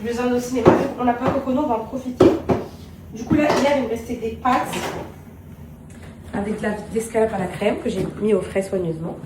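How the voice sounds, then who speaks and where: A woman's voice: a little high, fast talker, distant mic. A woman chatting casually to her camera at home, confiding in her viewers and speaking tenderly to her children. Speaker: vlogger. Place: home kitchen. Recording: roomy and off-mic with home background noise.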